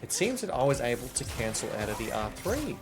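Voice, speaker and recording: A man's voice: mid-range voice, big pitch swings, a little fast, over music. A young man from Australia talks through a live game stream, his Australian accent light rather than broad. His voice sits right in the middle of the male range, and he rambles casually, cracks jokes and laughs often. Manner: chatty, joking, laughs often, slang-heavy. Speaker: gaming streamer.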